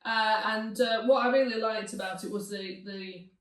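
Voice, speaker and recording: A woman's voice: a little high, steady tone, moderate pace. Chatty woman in an echoey room. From Lancashire, England. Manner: chatty, enthusiastic, with fillers. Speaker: podcast host. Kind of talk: casual chat and read-aloud. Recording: echoey room, distant mic.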